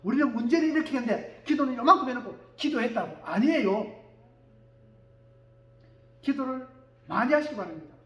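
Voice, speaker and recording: A male pastor preaching a sermon, swinging from quiet asides to shouted declarations and calling for amens from the congregation. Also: very high-pitched, lively intonation, fairly quick, pauses often, echoey room. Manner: calls for amen from the congregation.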